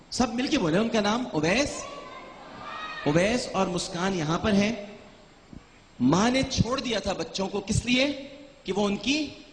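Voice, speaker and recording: A man hosting a live TV show, coaxing and insistently questioning the people with him. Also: high-pitched. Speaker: TV show host. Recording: hall reverb, faint noise.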